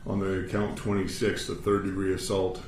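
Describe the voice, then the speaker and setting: A man with an American accent speaking as a judge, giving a formal sentencing statement in a measured, matter-of-fact, authoritative way. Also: low voice, completely flat delivery. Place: courtroom. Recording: echoey room, distant mic, faint noise.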